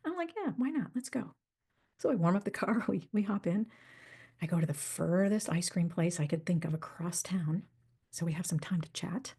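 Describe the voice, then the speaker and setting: A woman hosts her own podcast, talking through a personal story with lively acted-out dialogue. Her voice sits a little low, mellow and dark in tone with a husky edge. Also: normal speed. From United States. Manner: animated storytelling, acts out quoted dialogue. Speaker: podcast host.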